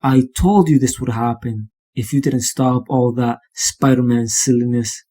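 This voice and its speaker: A man's voice: medium pitch, steady tone, unhurried, warm tone, voice pushed down, close to an everyday voice. A man voicing an older aunt who coddles and patronizes in a sugary, sinister way. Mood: cloying. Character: sweet-talking old aunt, sinister underneath.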